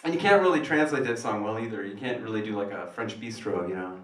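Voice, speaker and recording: A man doing crude, self-mocking stand-up comedy in a small cafe, with a rough, wrecked voice. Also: lowish voice, fast, fairly bright tone. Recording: echoey room, distant mic, live music.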